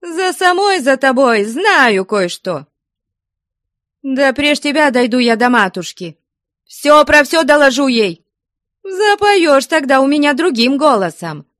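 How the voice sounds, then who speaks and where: A woman voicing a high, shouting young rival; loud, defiant, storybook character. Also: fairly even intonation, slow, no room sound, clean studio sound. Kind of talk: audiobook character voice.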